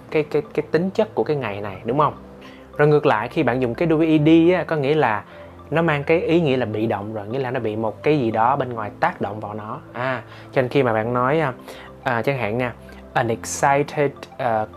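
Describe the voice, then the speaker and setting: Chatty male teacher. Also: mid-range voice. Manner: chatty, coaxing, checks in with listeners. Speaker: English teacher. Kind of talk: teaching vlog.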